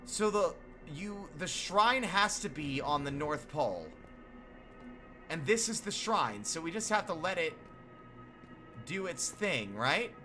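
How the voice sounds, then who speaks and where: Excitable man streaming a game. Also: on the high side, slow. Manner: excitable, thinks aloud, bursts into shouts. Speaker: streamer playing a video game. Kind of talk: excited gameplay commentary. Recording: game music behind.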